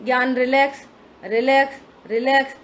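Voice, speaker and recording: This religious study talk comes from a scripture teacher whose voice sits high and sounds steady and a bit bright, at a moderate pace. She explains step by step and asks rhetorical questions, and the recording is dull and lo-fi with a faint hiss.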